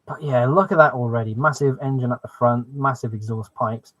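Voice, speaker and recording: A man's voice: medium pitch, a little fast, fairly bright tone. A man hosting a casual hobby live stream, chatting enthusiastically to viewers through a muffled microphone. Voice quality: muffled sound. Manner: enthusiastic, exclaiming. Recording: muffled microphone, dry close sound.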